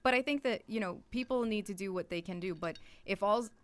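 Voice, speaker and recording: A woman's voice: medium pitch, fairly quick, noisy background. A woman from New England, a podcast guest speaking candidly and earnestly. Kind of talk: casual chat.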